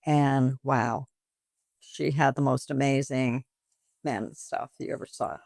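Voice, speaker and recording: A boutique owner in her seventies chats animatedly in an interview, acting out conversations with her customers. Her very deep voice is steady, slow, gravelly and a little mellow, captured in studio quality with no room sound.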